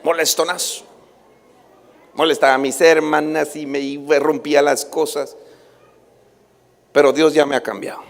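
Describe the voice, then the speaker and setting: A male pastor, preaching a sermon that swings between loud calls and soft asides. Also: on the high side, flat delivery, moderate pace, gravelly, long pauses. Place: church hall. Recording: livestream with long hall reverb.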